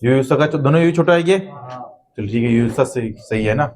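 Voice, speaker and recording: A man's voice: mid-range voice, fast talker, darkish tone. A middle-aged man teaching a Hindi spelling lesson in a classroom, coaxing his students with repeated tag questions.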